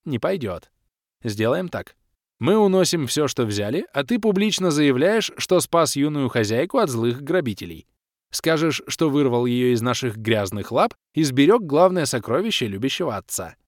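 A brash young rogue from a fantasy storybook, haggling with mocking, pushy confidence, as a male narrator plays him. His delivery leaps up and down with lively emphasis, and it is recorded close and dry. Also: medium pitch, normal speed, dry recording, pitched above the performer's own voice, close to an everyday voice.

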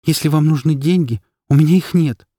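Man playing a scared young woman, trembling, pleading, raised husky voice, audiobook. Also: a little high, brisk, dark tone, no room sound, clean studio sound, pitched above the performer's own voice. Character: frightened young woman held captive, pleading. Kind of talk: audiobook character voice.

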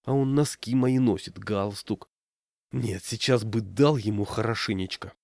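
A man's voice: on the low side, a little slow, creaky, a little mellow, no room sound, studio quality. A man voicing a timid, hapless man who speaks bitterly and in despair.

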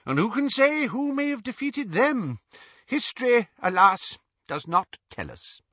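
An excitable, pedantic old wizard , as voiced by a male narrator, lectures in a raised, wildly swooping voice. The tone is bright but husky. The audio is dry and a little dull. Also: very high-pitched, a little slow, dry recording, voice pushed up, exaggerated voice. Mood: pondering.

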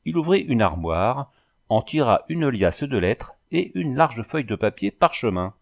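A man reading a novel aloud as narrator, in an expressive storytelling way. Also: medium pitch, unhurried, gravelly. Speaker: audiobook reader.

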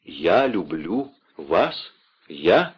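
A man's voice: low voice, big pitch swings, extremely slow, breathy edge, muffled recording, voice pushed down, exaggerated voice. A man voicing an anguished, proud young queen in an audiobook, pleading and emotional. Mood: frightened.

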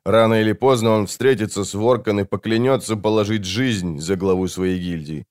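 A man narrating a fantasy audiobook in a measured storytelling delivery. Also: on the low side, a little mellow.

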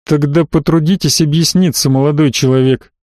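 Man playing a stuck-up baron, icy and snappy, kinda high voice, dry sound. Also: normal speed, darkish tone, dry recording, natural voice. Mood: suspicious, icy. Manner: icy, clipped, blustering. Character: haughty middle-aged male baron, cold and defensive.

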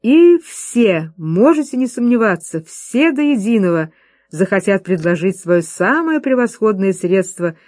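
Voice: mid-range voice, a little mellow, no room sound, natural voice. A reader voicing an eager young son making a persuasive case to his father.

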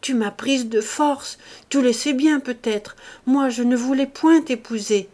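A woman doing a weeping peasant wife, high and loud. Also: measured pace. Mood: pleading, tearful. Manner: sobbing, pleading.

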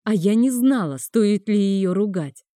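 Warm-voiced woman narrating a novel. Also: mid-range voice, unhurried, no echo, clean studio sound. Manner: expressive reading. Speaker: audiobook narrator. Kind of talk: first-person novel narration.

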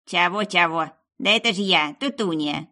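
A bossy old witch scolds and grumbles in a folksy way, as a woman reader puts her on. Her voice is bright and sharp, pitched somewhat higher than the narration. It comes from a fantasy audiobook. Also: normal speed. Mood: grumbling. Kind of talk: audiobook character voice.

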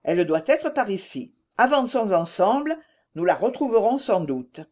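A woman's voice: medium pitch, big pitch swings, moderate pace, a little mellow. A woman voicing an honest, indignant grown peasant ploughman in a read-aloud story. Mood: earnest.

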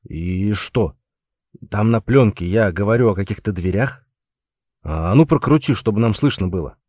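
A man voicing a stern, gruff male leader of a polar rescue team, curt and exasperated. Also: lowish voice, lively intonation, normal speed, dark tone, no room sound, clean studio sound.

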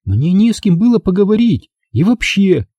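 A man voicing an excitable, indignant young woman in an audiobook, talking in high, insistent exclamations. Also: moderate pace, no room sound, heavily acted. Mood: sulky.

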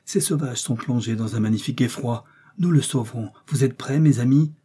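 A man's voice: medium pitch, brisk, warm tone, slightly rough. A man reading aloud voices a determined male explorer doctor with urgent, raised exclamations.

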